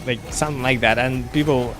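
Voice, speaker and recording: A man with a slight British-sounding accent, chatting casually with viewers while streaming a game, talking haltingly with many restarts. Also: medium pitch, steady tone, noisy background. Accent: slight British-sounding English, learned at school. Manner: halting, with frequent restarts and fillers. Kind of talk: casual chat while gaming live.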